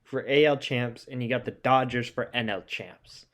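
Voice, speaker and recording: A man's voice: medium pitch, normal speed, fairly bright tone. A man hosting a podcast, talking sports in a casual, enthusiastic way. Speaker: podcast host.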